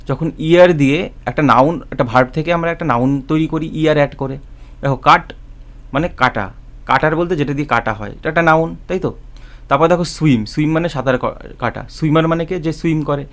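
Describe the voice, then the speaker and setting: A man teaching English spelling rules. He explains patiently, spells words out letter by letter, and often checks with "right?". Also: fairly high pitch. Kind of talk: spoken grammar lesson.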